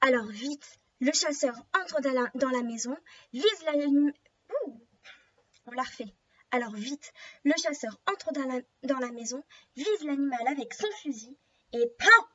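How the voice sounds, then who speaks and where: A teacher reading a story aloud to young children, slowly and gently, stopping to explain words and ask questions. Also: female voice, sits high, a little hiss or hum. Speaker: preschool teacher. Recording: slightly dull lo-fi recording.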